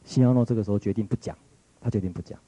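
A man's voice: lowish voice, rapid-fire, mellow, no room sound, rough recording. A man with a Taiwanese Mandarin accent giving a reflective lecture, retelling a story in a musing way, often searching for words and restarting.

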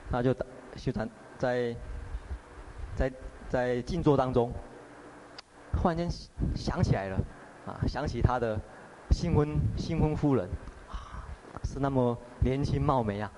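A man's voice: mid-range voice, measured pace, pauses often, background noise. A man teaching meditation in a conversational dharma talk, often asking his listeners questions. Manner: conversational, filler-laden, asks the audience. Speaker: Buddhist teacher.

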